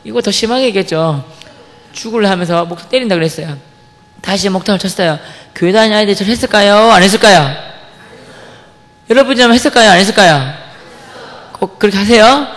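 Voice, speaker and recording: A young man giving a lively church testimony, acting out the lines he quotes and firing questions at the congregation. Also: high voice, quick pace, pauses often. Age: young adult. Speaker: testimony speaker at a church service. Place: church sanctuary. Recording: long hall reverb from the church.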